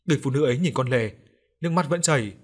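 A man giving steady scripted narration of a ghost story. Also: mid-range voice, racing.

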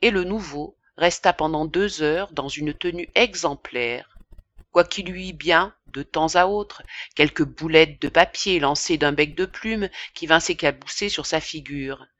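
A woman narrating a classic novel as an audiobook, in a measured, expressive reading. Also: deep voice, no echo, muffled recording. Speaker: audiobook reader.

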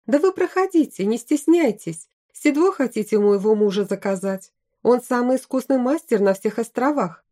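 A woman's voice: fairly high pitch, moderate pace, warm tone, close to an everyday voice. A woman voicing a young pregnant wife who chatters nonstop and protects her husband. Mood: welcoming.

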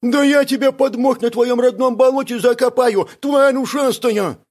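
A man voicing a brash, hot-tempered male brawler who shouts and boasts. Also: sits high, expressive, moderate pace, pitched above the performer's own voice. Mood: indignant. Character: brash loud male brawler buddy, touchy.

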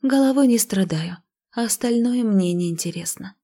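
A woman voicing a listless, melancholy fifteen-year-old village girl who speaks flatly and half in a whisper, in a storybook reading. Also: medium pitch, moderate pace. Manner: flat, emotionless, half-whispered.

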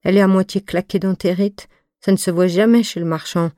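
A woman reading the part of a stern but motherly fifty-two-year-old friend, speaking in an even, soft, deep voice. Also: brisk, no room sound, clean studio sound, lightly acted. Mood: tendre. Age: 50s. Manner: voix égale et douce; ton de voix profond. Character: femme de cinquante-deux ans, amie sévère et maternelle. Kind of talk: scripted audiobook reading.

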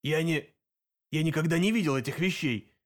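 A man's voice: fairly high pitch, moderate pace, natural voice. A man voicing a male werewolf pack leader in an audiobook, flustered and stammering.

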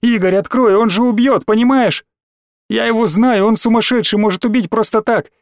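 A man reading a story aloud, voicing a frightened young boy who pleads in a high, tearful, near-sobbing voice. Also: moderate pace, a little mellow, no room sound, clean studio sound, lightly acted. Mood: panicked. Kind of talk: audiobook character voice.

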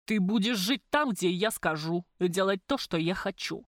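A woman voicing a cruel, coarse male crime boss who speaks in gruff threats. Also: medium pitch, normal speed, dry recording, clean studio sound, close to an everyday voice. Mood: menacing.

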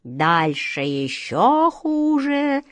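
A woman's voice: medium pitch, animated, measured pace, no echo. A woman voicing a greedy old fortune-teller who fawns and wails over her predictions, storybook style. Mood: wailing. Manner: wailing, fawning and sly.

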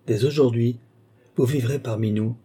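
A man reading an audiobook, voicing a calm, dignified royal princess. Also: medium pitch, normal speed, husky, natural voice. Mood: reassuring.

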